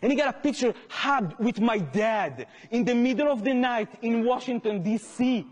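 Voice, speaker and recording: An Israeli-accented man delivers a public lecture with a fairly high voice for a man. His voice rings out with a long hall reverb. He tells his story earnestly and presses his point with growing passion. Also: animated, normal speed. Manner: earnest storytelling turning impassioned. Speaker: activist lecturer.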